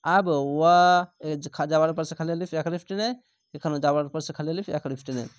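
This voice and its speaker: Slightly high-voiced man teaching recitation. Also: darkish tone, dry recording. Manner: spells out each syllable, then recites the word slowly and drawn out; patient, explanatory tone, repeating rules. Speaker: Quran reading teacher. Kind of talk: letter-by-letter recitation lesson.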